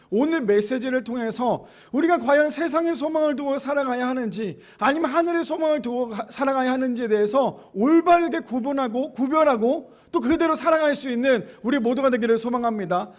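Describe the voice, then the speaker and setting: A man's voice: very high-pitched, a little fast, hardly any pauses. A man preaching a Sunday sermon as pastor, telling stories and putting questions to the congregation. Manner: storytelling, asks the congregation questions and answers them. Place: church sanctuary.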